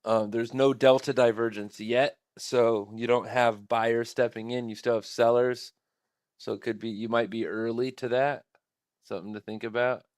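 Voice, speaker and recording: A man's voice: medium pitch, fairly even intonation, moderate pace, darkish tone, clear, resonant tone, dry recording, clean studio sound. A man hosting a live trading stream, thinking aloud at his computer in a casual, rambling way.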